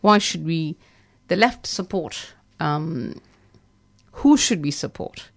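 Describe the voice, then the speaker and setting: A woman presenting live on AM community radio, reading announcements in a halting, stumbling way. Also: deep voice, expressive, vocal fry. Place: radio studio.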